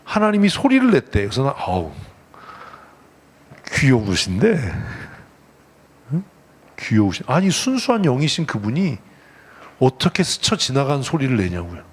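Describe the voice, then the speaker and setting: A man preaching a lively, conversational sermon as pastor, teasing his congregation and acting out the voices in the story. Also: mid-range voice, moderate pace, long pauses, husky. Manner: playful, teasing, acts out God's voice and the congregation. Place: church sanctuary.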